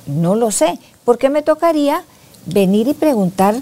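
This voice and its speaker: A soft-spoken woman psychologist talking reflectively in a casual podcast conversation. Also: a little high, big pitch swings, normal speed. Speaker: psychologist guest.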